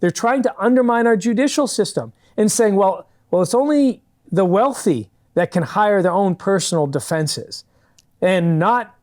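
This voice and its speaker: A man speaks at normal speed in an expressive, high, slightly mellow voice while being interviewed in a public TV studio. The founder of a fundraising company, he answers earnestly and goes into his views at length, often restarting.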